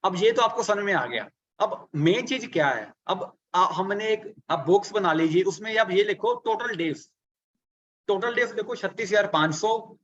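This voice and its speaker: A man's voice: sits high, expressive, normal speed, fairly bright tone, highs cut off. A man coaching a live online workshop, asking rhetorical questions and working through sums step by step.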